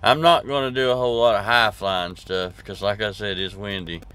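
Easygoing trucker talking low. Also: male voice, normal speed, fairly bright tone, clean tone. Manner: rambling, easygoing, drawls, many fillers and restarts. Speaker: trucker vlogger. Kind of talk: casual vlog chat to camera. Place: parked truck cab. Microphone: camera at arm's length.

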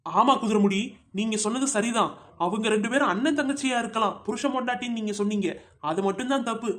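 A man doing Chinna Ponnu, a shrill chatty village housewife. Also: quick pace, fairly bright tone. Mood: gossipy. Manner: chatty storytelling, teasing friends with nicknames. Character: chatty young village housewife, gossipy and warm. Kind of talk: cartoon comedy voice acting.

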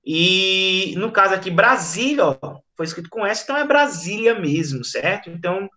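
A man's voice: sits high, animated, normal speed, pushed and bright. A man with a Brazilian Portuguese accent teaching an online English class, chatty and explanatory, often checking in with his students. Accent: Brazilian Portuguese, from Rio Grande do Norte.

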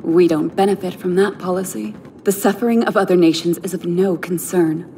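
A woman's voice: fairly low pitch, fairly even intonation, brisk, warm tone, slight background noise, close to an everyday voice. A woman playing a stern, disdainful imperial noblewoman in an anime dub. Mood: cold disdain. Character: cold, haughty imperial noblewoman.

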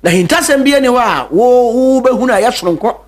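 A man's voice: extremely high pitch, animated, brisk. A Ghanaian man preaching a radio sermon in Twi and English, emphatic, repeating key words, with hesitant fillers.

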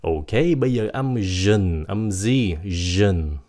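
A young man, teaching English pronunciation in a casual, joking, reassuring way and saying example words slowly. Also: low-pitched, expressive, warm tone. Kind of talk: casual video lesson.

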